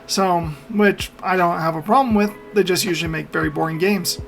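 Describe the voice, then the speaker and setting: A man's voice: high-pitched, steady tone, a little fast, gravelly, soft background music. A man hosting a meme reaction video, talking casually and opinionatedly, rambling and laughing often. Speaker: meme reaction channel host. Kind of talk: casual commentary.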